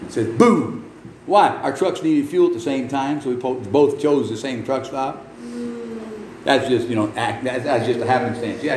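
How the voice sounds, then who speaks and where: A man's voice: medium pitch, a little mellow. A man preaching a folksy, exclamatory sermon full of "amen" and "man". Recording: echoey room with faint background noise.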